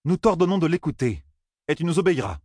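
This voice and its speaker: Male narrator as a scolding elder woman, dry, bossy, raised pitch. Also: very animated, fast talker, darkish tone, no room sound. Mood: stern, scolding.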